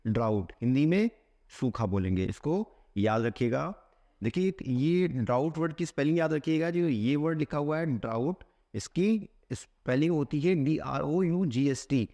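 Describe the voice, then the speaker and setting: A man teaching vocabulary for competitive exams. He asks a question, answers it himself, and reads English phrases slowly, word by word. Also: a little high, lively intonation, dark tone. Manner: asks a question, then answers it with a repeated keyword. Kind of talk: explaining a vocabulary lesson.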